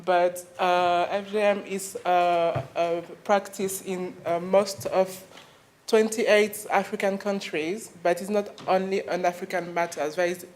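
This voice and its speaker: A woman from Mali with a French accent gives an earnest conference presentation, pausing often as she searches for her words. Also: lowish voice, fairly even intonation, a little mellow. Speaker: conference speaker. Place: university conference room.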